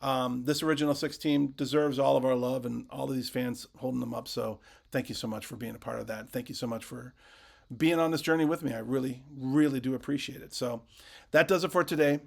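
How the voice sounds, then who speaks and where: A man's voice: medium pitch, steady tone, a little fast, gravelly, darkish tone. A man hosting a hockey fan channel, talking casually to his viewers, restarting phrases often and reading out comments.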